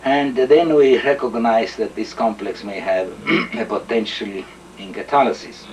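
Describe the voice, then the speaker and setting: Older Estonian man, slow halting recollection. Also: fairly low pitch, fairly even intonation, darkish tone, far from the mic, slight background noise, poor audio. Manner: measured, hesitant, many fillers and throat clearing. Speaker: interviewee, chemist. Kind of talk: oral history interview.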